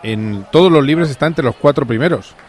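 A man's voice: fairly high pitch, expressive, brisk, darkish tone. A man reporting on Formula 1 on sports radio, explaining at length with frequent hesitations.

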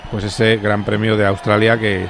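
A man's voice: fairly low pitch, level tone, moderate pace, gravelly, fairly bright tone, a little hiss or hum. A man reporting on Formula 1 on sports radio, explaining at length with frequent hesitations.

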